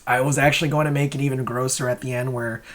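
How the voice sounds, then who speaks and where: Talking quickly in a steady, medium-pitched voice with a bit of brightness, a comic creator and host gives rambling, casual commentary. He hesitates and questions himself, laughing lightly while he explains.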